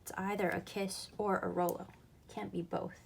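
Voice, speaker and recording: A woman's voice: mid-range voice, flat delivery, normal speed, gravelly, a little hiss or hum. A woman teaching a recorded math lesson, explaining patiently and going back over each key point.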